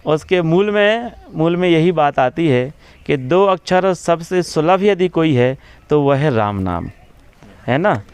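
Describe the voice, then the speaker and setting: A man, a religious preacher, explaining devotion in an interview in a measured way, slowing down to recite verses and repeating key phrases. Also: fairly high pitch, animated, slight background noise. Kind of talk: devotional explanation in a press talk.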